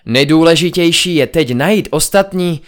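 A man putting on a weary, husky young heroine. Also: a little high, close to an everyday voice. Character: exhausted young woman with fire powers.

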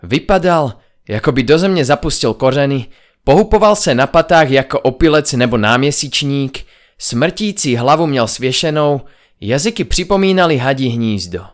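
A man reading a first-person audiobook aloud in a dramatic, expressive style. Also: medium pitch. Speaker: audiobook narrator.

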